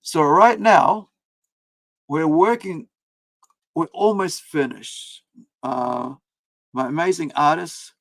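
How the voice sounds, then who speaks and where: A man born in India, whose first language was Hindi, chats casually on a live stream from a home room with several screens; he's a comic creator and streamer. He rambles with many fillers and restarts, speaking slowly with frequent pauses in a slightly high voice with vocal fry. The recording is dry.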